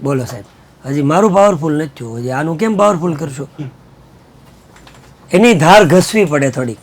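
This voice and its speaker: A male teacher giving an animated online class, mixing in Hindi and English and getting students to call out answers. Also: a little high, moderate pace.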